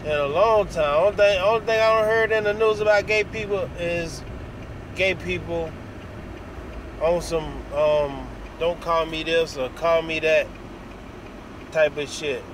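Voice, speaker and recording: A middle-aged American man vlogs from inside a vehicle cab, parked or moving, delivering a blunt, casual opinion monologue full of swearing. His voice is fairly high and unhurried, caught on a phone held at arm's length. The recording has clear vehicle noise, with car and air conditioning hum behind him.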